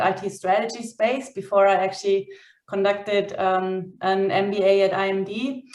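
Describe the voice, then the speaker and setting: A woman from Austria speaks on a startup panel in a brisk, practical way. Her pitch stays level with little rise and fall. The room around her is roomy and echoing. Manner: brisk, practical, frequent "basically" and "um". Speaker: startup co-founder and CEO. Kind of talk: panel talk.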